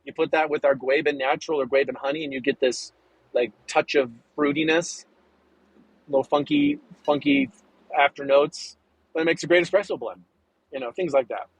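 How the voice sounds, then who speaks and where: Podcast guest: man, higher-pitched, eager and talkative, dry close mic. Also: brisk, husky, no echo, rough recording. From United States. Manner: chatty, enthusiastic, rambling with restarts. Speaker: coffee importer and roaster guest. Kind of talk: casual podcast interview.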